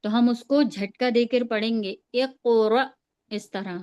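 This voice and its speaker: A woman teaches Quran reading over a video call. Her voice is a touch high and sounds smooth and clear. She works through each step patiently and checks that her student understands. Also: steady tone, dark tone, poor audio. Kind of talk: online reading lesson.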